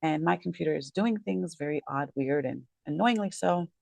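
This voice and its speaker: Speaking at a moderate pace in a low, creaky voice with a darkish tone, a woman who is both a real estate agent and a legal commentator talks casually about a court case at home late at night. Worn out, she rambles, backtracks to correct herself, and says sorry. No room sound comes through.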